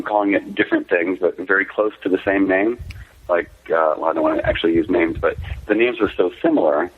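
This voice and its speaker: A man's voice: deep voice, breathy edge. A man, a company founder, telling candid, rambling anecdotes in a casual interview over the phone. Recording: tinny phone line.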